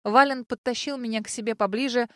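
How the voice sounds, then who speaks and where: Expressive woman reading a fantasy audiobook. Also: a little high, fast talker, dry recording, clean studio sound. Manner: lively, expressive storytelling. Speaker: audiobook narrator. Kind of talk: first-person fantasy audiobook narration.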